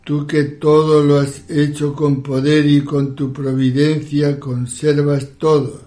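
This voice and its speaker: A man leading a liturgical prayer in a solemn, measured recitation. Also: a little high, flat delivery, dark tone.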